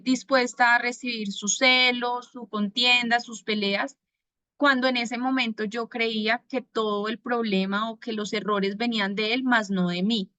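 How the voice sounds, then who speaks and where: A woman from Bogotá with a Colombian accent, giving a personal faith testimony in an earnest manner, pausing often to gather her words. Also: a little high, pushed and bright, dry recording. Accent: Bogotá Colombian Spanish. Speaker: testimony giver.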